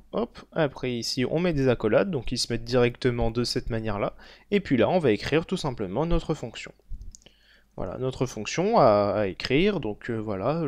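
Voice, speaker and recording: Halting young man explaining code. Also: medium pitch, no echo. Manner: halting, many fillers and self-corrections. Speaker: programming tutor. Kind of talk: screen-recorded coding tutorial.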